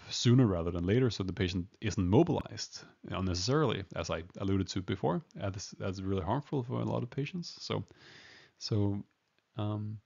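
A man with a gravelly, fairly low voice gives a casual medical teaching talk, stopping and restarting often with plenty of ums. The recording sounds dull and lo-fi. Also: a little mellow. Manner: hesitant, many fillers and restarts, chuckles at himself. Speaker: emergency medicine lecturer. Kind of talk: informal medical lecture.

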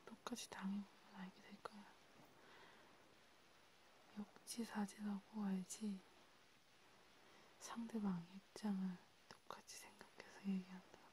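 A woman voicing a menacing grim reaper in a whispered role-play, scolding and threatening, slowly. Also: medium pitch, flat delivery, warm tone, slight background noise, lightly acted, low-quality recording. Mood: cold, reproachful. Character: menacing female grim reaper punishing a sinner's soul.

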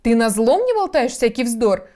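Woman doing a squeaky, touchy little mouse. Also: sing-song, normal speed, mellow. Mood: indignant. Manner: squeaky, indignant, prim. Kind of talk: storybook reading.

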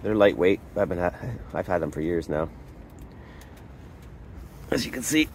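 A man from Canada giving a casual tour of his camping setup inside a hot tent, pausing often with uh and restarting sentences. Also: low voice, animated, a little hiss or hum. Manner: halting, lots of uh and restarts. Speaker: camping vlogger.

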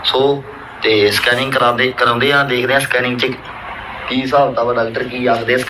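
A Punjabi man speaks at a middling pitch under very loud vehicle and street noise. He chats casually in vlog style, plain-spoken and repeating himself. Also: fairly even intonation, fairly quick. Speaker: family vlogger.

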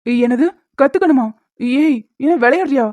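A woman voicing a young cartoon husband who bickers and protests loudly. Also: sits high, normal speed, no room sound, natural voice. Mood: protesting. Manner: loud protesting outbursts. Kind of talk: Tamil cartoon dubbing. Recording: tinny phone-like, dry.

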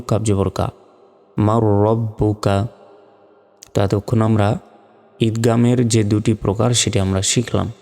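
A man teaching Quran reading step by step, patiently spelling out each syllable and drawing words out slowly. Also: fairly low pitch, warm tone, in a large hall.

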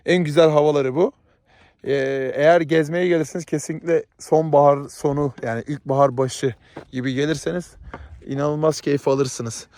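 A man's voice: a little high, fairly even intonation, normal speed, darkish tone. A man from Southeast Turkey vlogging outdoors in a rural village, chatty and playful with a teasing manner. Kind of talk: casual vlog chat.

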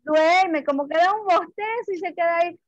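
A woman teaching an online class for young children, acting out emotions in a slow, sing-song way. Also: very high-pitched, dry recording. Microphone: video call. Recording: dull lo-fi video call audio.

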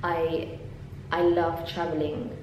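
A low, slow-paced female voice belongs to a chatty young Londoner who animates her talk with lots of ums and laughs. She's a PhD student vlogging casually to camera inside a university office lab. The camera sits on her desk before going handheld selfie-style, and the echoey room has a faint hum.

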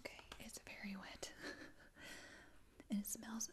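A young woman in a whispered role-play as an attentive, reassuring spa attendant, speaking softly and close up. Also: on the high side, flat delivery, takes it slowly. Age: young adult. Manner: soft-spoken, attentive, reassuring customer-service talk. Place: small dim indoor room.

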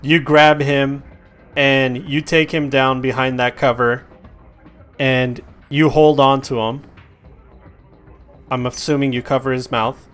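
A man runs a tabletop game as game master. He narrates the action and calls for dice rolls in a loose, animated way. His voice sits at an ordinary middle pitch. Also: clear, resonant tone, faint music behind. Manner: casual, animated narration with quick rules calls.

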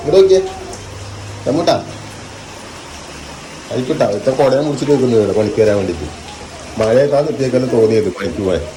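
A man's voice: medium pitch, expressive, racing, dark tone, a little hiss or hum. A young father, coaxing his small children in a casual family vlog and repeating the same fond words over and over. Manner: sing-song coaxing, repeats "mone" and "va" over and over. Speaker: father vlogger. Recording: music playing behind the voice.

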